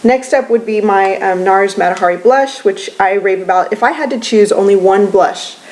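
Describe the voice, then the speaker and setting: A woman's voice: mid-range voice, normal speed, darkish tone, poor audio. A young woman beauty vlogger chatting casually at home, gushing and rambling with many ums. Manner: gushing and enthusiastic. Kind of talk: casual beauty monthly favorites vlog. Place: at home with children nearby.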